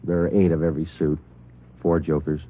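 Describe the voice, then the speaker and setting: An actor playing a terse, businesslike police detective sergeant in a 1940s radio crime drama, speaking in a matter-of-fact way. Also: male voice, rumbling low, little pitch movement, a little fast, a little hiss or hum. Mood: calm, matter-of-fact. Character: clipped, businesslike police detective sergeant, urgent under pressure. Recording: tinny muffled old 1940s radio, music behind.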